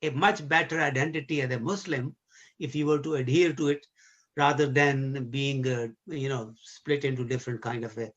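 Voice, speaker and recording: A man with a Pakistani accent leading a discussion, explaining in an agreeable, halting way. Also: mid-range voice, fairly even intonation, a bit bright, dull audio. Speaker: discussion leader.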